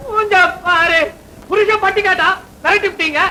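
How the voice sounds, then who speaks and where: A shrill, mocking husband. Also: male voice, steady tone, moderate pace, pushed and bright, a little hiss or hum, exaggerated voice, low-quality recording. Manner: mocking, retorting. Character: exasperated young husband, sharp and mocking. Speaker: film character, husband. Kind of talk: 1960s Tamil film comedy acting.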